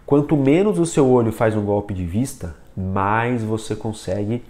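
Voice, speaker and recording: A man's voice: fairly low pitch, unhurried, a little mellow. A man giving a casual video lesson on reading, talking straight to the viewer and demonstrating with a book and pen. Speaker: reading coach.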